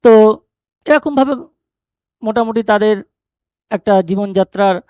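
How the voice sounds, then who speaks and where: At a measured pace, a man with a high-pitched, mellow voice teaches an explanatory lesson retelling a short story, didactically asking and answering his own rhetorical questions. The recording is dry.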